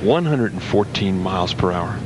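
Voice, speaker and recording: A man's voice: sits low, expressive, moderate pace. A man calling a tennis match live as the play-by-play commentator. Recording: loud arena noise behind commentary. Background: loud arena ambience.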